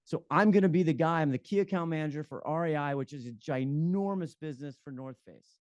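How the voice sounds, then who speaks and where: A man's voice: a little high, fairly quick, dry recording, highs cut off. A man in his forties, a podcast guest, telling his career story in a candid, self-deprecating way. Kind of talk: conversational interview.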